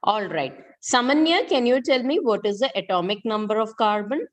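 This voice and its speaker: A woman's voice: a little high, animated, normal speed. Indian woman teaching an interactive chemistry lesson. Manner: questioning, repeats key points, ends phrases with check questions. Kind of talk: interactive online school lesson.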